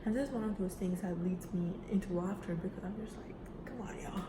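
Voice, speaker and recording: This is a fast-talking young woman at medium pitch, introducing herself in a speech for class. Casual and chatty, she leans on fillers such as "right?" and "you know," and the recording picks up echo and background noise.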